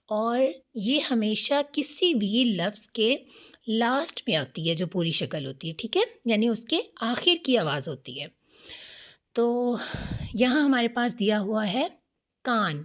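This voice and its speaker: A woman teacher giving a children's lesson, patiently sounding out letters slowly for young learners to repeat and praising them. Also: a little high. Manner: patient and encouraging.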